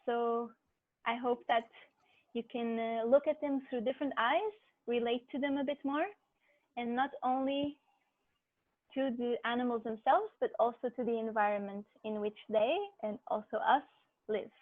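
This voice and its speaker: A woman's voice: on the high side, steady tone, moderate pace. A woman teaching an online movement class, her voice muffled as if heard through a wall by bad headphones. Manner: friendly, hesitant, frequent fillers and small laughs. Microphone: cheap headphone mic on a video call. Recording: muffled tinny video call through cheap headphones.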